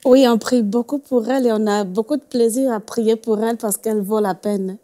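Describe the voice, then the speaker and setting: A woman's voice: on the high side, steady tone, normal speed, mellow. A woman guest on a faith talk show, telling a story earnestly and laughing often.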